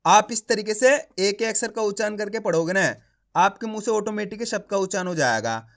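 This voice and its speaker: A male teacher giving a reading lesson, sounding out each syllable slowly and then saying the whole word, coaxing viewers to practise. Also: high voice, expressive, a bit bright. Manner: addresses viewers as friends, coaxing them to practise.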